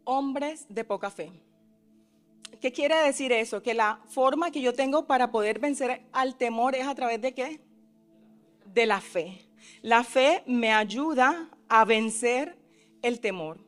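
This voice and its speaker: Lady preaching w a higher voice, keeps asking the crowd questions, soft music under it. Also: unhurried. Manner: asks the listeners frequent questions, adds tag questions; acts out the disciples' cries with rising force. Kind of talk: sermon.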